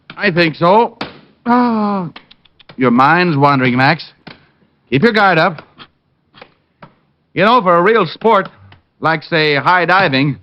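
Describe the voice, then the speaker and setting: A male actor with a fairly high-pitched voice and an American accent voices a shrewd, sardonic private detective in a hard-boiled 1940s-50s radio drama. His first-person narration is needling and teasing, and the muffled old recording carries music.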